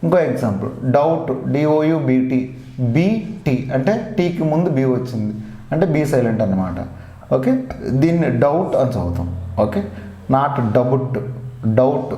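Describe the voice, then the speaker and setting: A man's voice: a little high, animated, normal speed, dark tone, lo-fi sound. A man with a Telugu accent teaching an English grammar lesson, patiently repeating each rule and spelling words out letter by letter. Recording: roomy echo.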